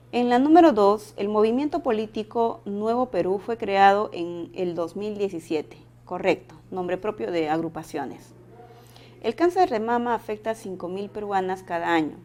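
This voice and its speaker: A woman's voice: medium pitch, a little mellow. Woman methodically explaining exam questions. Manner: methodical, reads each question then explains. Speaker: teacher. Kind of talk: exam exercise walkthrough.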